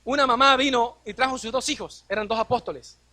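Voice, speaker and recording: High-voiced pastor preaching. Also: male voice, fairly quick, sharp tone, no room sound. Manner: preaching with rhetorical questions, acting out quoted dialogue. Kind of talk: sermon.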